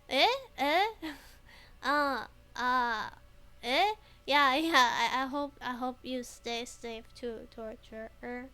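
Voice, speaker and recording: With a high, sharp voice, a woman streams a video game and comments casually in let's-play style. She giggles frequently and hesitates a great deal.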